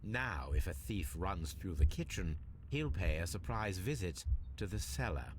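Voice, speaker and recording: A self-assured gentleman detective from a video game. He speaks in a deep, expressive voice with measured, formal precision and a calculating air, over faint noise.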